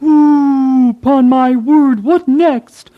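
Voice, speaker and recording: Fussy old mother owl voiced by a woman, gossiping, very high voice, tinny lo-fi sound. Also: fairly even intonation, extremely slow. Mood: scandalized. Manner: scandalized, breathless gossip. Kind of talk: storybook reading.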